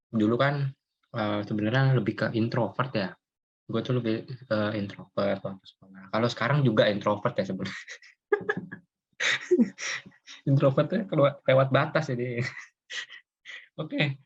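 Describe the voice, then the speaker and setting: A young man hosts a relaxed conversation, rambling through fillers and chuckling along. His voice is slightly husky, and the recording sounds dull and lo-fi. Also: mid-range voice. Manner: rambling, many fillers and laughs. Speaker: host. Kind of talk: casual chat.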